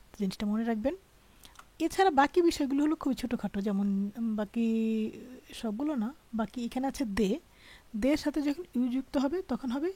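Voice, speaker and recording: A woman's voice: on the high side, mellow. Patient woman teaching a language lesson. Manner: patient, checks in with "ঠিক আছে?" often. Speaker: French teacher.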